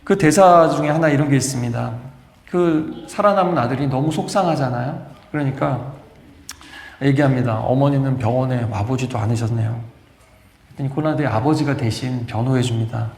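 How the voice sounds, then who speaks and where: A man's voice: medium pitch, brisk, darkish tone. A male pastor delivering an emphatic storytelling sermon, acting out quoted lines as he goes. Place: church sanctuary. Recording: echoey church hall with long reverb.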